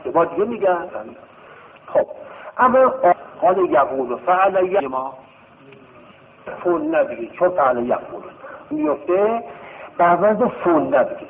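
A male teacher giving a classroom grammar lesson, drilling verb forms in a slow sing-song chant and checking with rhetorical questions. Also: high-pitched, sing-song, slight background noise. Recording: tinny phone-like sound in a reverberant hall.

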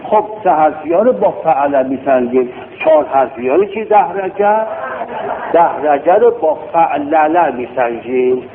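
Guy teaching a grammar class, kinda high voice, quizzes everyone, sounds like a tinny phone recording. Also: animated, a crowd in the background. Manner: drills words and quizzes the class. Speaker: religious studies teacher. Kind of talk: classroom Arabic grammar lesson.

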